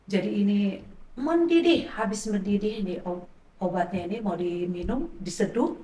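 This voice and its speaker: A woman's voice: medium pitch, steady tone, moderate pace, mellow. A middle-aged woman, a pastor's wife, giving an emotional personal testimony in a conversational way. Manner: conversational, acts out quoted dialogue. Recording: roomy, distant mic, faint noise.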